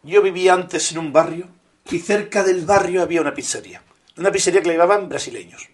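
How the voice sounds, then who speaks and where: A man talks quickly in a fairly high voice, rattling through an anecdote. He jokes around and swears now and then in a loose, casual podcast chat. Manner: joking, storytelling, swears casually. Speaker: podcast co-host.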